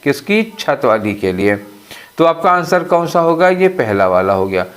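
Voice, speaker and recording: A man's voice: fairly high pitch, big pitch swings. A man teaching English for an exam, explaining in a mix of Hindi and English and asking and answering his own questions. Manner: slows way down to read out English phrases. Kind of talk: exam-prep lesson.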